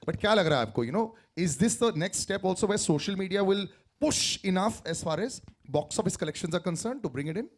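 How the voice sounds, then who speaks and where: A man's voice: high-pitched, animated, rapid-fire. A man with an Indian English accent hosting a press event, mixing Hindi and English as he sets up questions. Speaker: event host.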